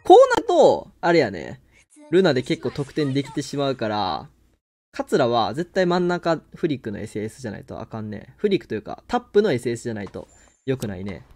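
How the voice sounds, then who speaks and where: A man with a Kansai accent giving excitable live commentary on his own game, exclaiming and laughing often. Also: medium pitch, fairly quick. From Kansai, Japan. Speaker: game streamer.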